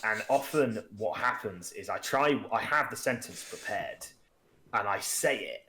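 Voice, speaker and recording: Low-pitched guy chatting about tabletop games, lots of restarts. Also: lively intonation, unhurried, sharp tone. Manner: chatty, restarts often, acts out player quotes. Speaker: podcast co-host.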